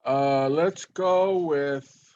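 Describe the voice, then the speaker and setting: A man's voice: on the high side, very slow, a little mellow, lo-fi sound. A man hosting a casual online chat show, talking in a drawling, playful way over a video call. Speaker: channel host.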